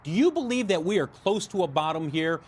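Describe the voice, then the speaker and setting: A man's voice: high-pitched, very animated, brisk, husky. An American man working as a television business reporter, putting questions in a news interview.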